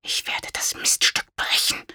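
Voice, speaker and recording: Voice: very animated, moderate pace, no room sound, studio quality. A narrator voicing a cruel, scheming noble lady who whispers in rage and snaps shrilly at her husband. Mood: seething whisper. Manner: hissing whispers and shrill outbursts.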